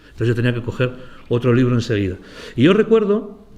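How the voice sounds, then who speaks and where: A man's voice: medium pitch, sing-song, quick pace, a little mellow. A man from Aragon, a writer, giving a conversational talk to students that is full of rhetorical questions. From Aragon, Spain. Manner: conversational, addresses listeners directly, rhetorical questions.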